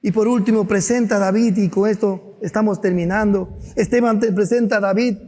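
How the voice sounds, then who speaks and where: A man preaching a sermon as pastor, animated and acting out stories, at times shouting. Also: high-pitched, a little fast, in a large hall. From Peru. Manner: animated, acts out anecdotes with voices, sometimes shouting.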